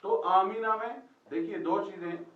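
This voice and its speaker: A man's voice: high voice, steady tone, a little slow, roomy sound, highs cut off. A man teaching a class, quizzing students and repeating their answers back, recorded from a distance in a classroom. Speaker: Quran Arabic teacher. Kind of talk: classroom lesson with questions to students.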